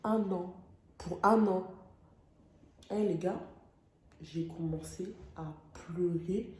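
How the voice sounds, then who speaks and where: A woman's voice: on the low side, slow pace, darkish tone. A young woman from France telling a personal story on her vlog, emotional and dramatic, with casual slang. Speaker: vlogger. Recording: echoey room.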